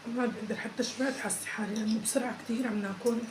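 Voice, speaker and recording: Levantine woman talking super fast w her mouth on fire from spicy food, echoey noisy room. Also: on the high side, fairly even intonation. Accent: Levantine Arabic. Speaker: vlogger doing a spicy noodle eating challenge. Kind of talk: casual challenge chat. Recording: echoey room with clear background noise.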